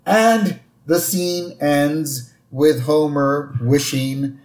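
A man with a fairly high voice talks at an unhurried, drawn-out pace while recapping a cartoon episode on a podcast. He drops into brief character voices along the way. The sound is roomy and echoey. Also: a little mellow. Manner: retells scenes with quick put-on character lines. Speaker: podcast co-host. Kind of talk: casual chat recapping an episode.

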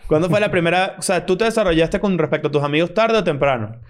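A man's voice: a little high, quick pace. Teasing man co-host. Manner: teasing, interrupts with jokes. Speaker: podcast co-host. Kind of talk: casual comedic banter.

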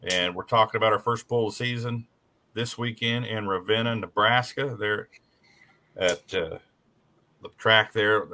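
A man's voice: on the low side, steady tone, measured pace, sharp tone, a little hiss or hum. A man hosting a casual live show as a tractor pull announcer, talking in a folksy, conversational way.

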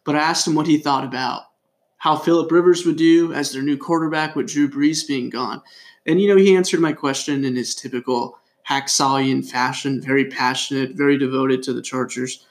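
A man's voice: medium pitch, steady tone, normal speed. A young man from California co-hosting a sports podcast, telling stories with many fillers. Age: young adult. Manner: storytelling, with frequent fillers. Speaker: podcast co-host. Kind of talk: casual sports chat.

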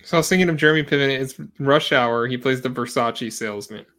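A man's voice: mid-range voice, fast talker, bright, forceful tone. A man co-hosting a casual movie podcast. He talks hesitantly and keeps trailing off into "I don't know" as he weighs his picks. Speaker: podcast co-host.

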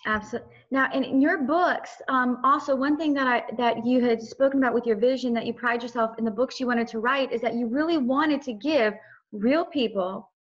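A woman's voice: a little high, brisk, highs cut off. Affirming woman interview host. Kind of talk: interview conversation.

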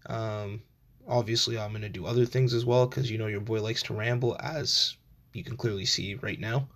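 Man in his twenties, medium pitch, casual rambling podcast host, meandering informal asides. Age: 20s. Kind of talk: casual rambling solo chat.

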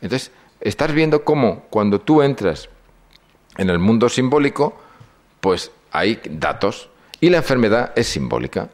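An older man lectures in a very deep, low voice. He tells stories and acts out each person's lines as he goes. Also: sing-song, measured pace. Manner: storytelling, acts out dialogue. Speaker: speaker on psychology and symbolism.

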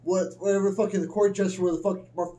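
A man's voice: sits high, level tone, quick pace, dark tone. A man in casual conversation, giving blunt opinions and swearing freely. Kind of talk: casual chat about food.

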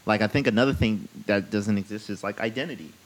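A man's voice: on the low side, quick pace. A man hosting a podcast interview, talking in a loose, blunt way and swearing freely. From United States. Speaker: podcast host. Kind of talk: casual conversational interview.

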